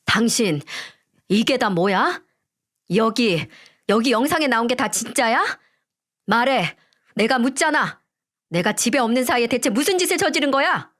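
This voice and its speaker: A woman's voice: fairly high pitch, animated, normal speed. Woman voicing a furious betrayed husband. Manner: angry, accusing, shouting. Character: furious middle-aged husband, betrayed and shouting.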